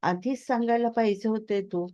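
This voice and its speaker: A woman reading the part of a worried middle-aged father who talks things through earnestly and calmly. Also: a little high, normal speed, highs cut off, natural voice.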